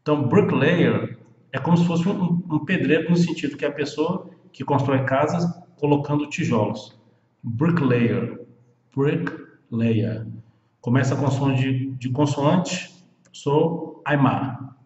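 Slow Brazilian man teaching pronunciation. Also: medium pitch, a little mellow. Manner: slow, repeats each word many times. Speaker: English teacher. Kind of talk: pronunciation lesson. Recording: dull echoey room, long reverb.

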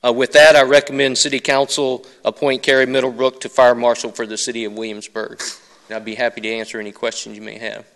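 A middle-aged man, a fire chief, delivering a formal report to a city council in a measured way with some fillers. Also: medium pitch, flat delivery, a bit bright. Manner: measured, reads prepared remarks with occasional fillers. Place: council chamber. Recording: long reverb of council chamber.

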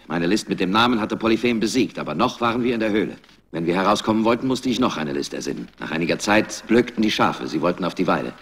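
A man playing a cunning Greek hero-king who narrates his own tale with brisk urgency in a radio drama. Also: deep voice, breathy edge, exaggerated voice.

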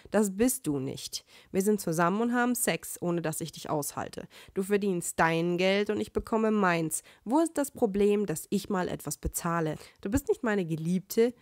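Girl doing a smug teasing young guy, calm and pushy, lowish voice, dry sound. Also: no echo, natural voice. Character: cocky teasing young man, stubborn boyfriend. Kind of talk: fan fiction reading.

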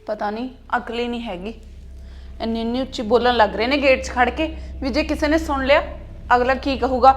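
A woman's voice: on the high side, steady tone, brisk, natural voice. A woman playing a sulky young daughter-in-law. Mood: grumbling. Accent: Punjabi. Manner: defensive, complaining. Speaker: wife.

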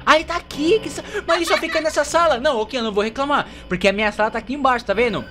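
A man's voice: extremely high pitch, rapid-fire. A young man with a Brazilian accent doing let's play commentary of a horror game, yelping and laughing in fright while talking to his audience. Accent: Brazilian Portuguese. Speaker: gaming YouTuber. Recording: game music behind.

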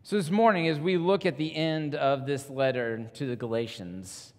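A man serving as pastor, praying and then preaching with animated delivery that acts out quoted reactions, recorded in a church sanctuary. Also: fairly high pitch, moderate pace. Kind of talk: sermon. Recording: long church hall reverb.

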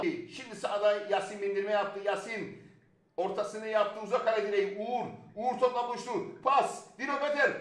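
A man's voice: sits high, a bit bright. A man giving live play-by-play football commentary. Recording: roomy, echoing sound.

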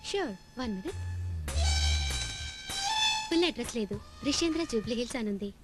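An actress playing a helpful, polite shop clerk in a film drama. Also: female voice, a little high, expressive, brisk, lightly acted. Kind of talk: film acting. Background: film score music.

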